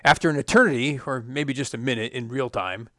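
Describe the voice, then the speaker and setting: A middle-aged man, a former test pilot, hosting a scripted podcast monologue in a measured, emphatic way with dry asides. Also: mid-range voice, bright, forceful tone, no room sound.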